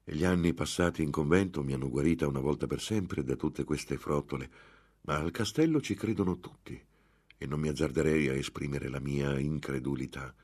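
A man voicing a young woman raised in a convent who speaks in a measured, reasonable way in an audiobook. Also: a bass voice, darkish tone. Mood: calm. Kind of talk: audiobook character voice.

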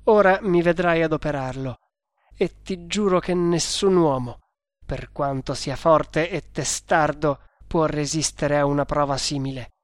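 A reader voicing a loyal, cunning male servant who speaks with calm, firm assurance in a dramatic audiobook. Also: medium pitch, unhurried, no room sound, natural voice. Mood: menacing.

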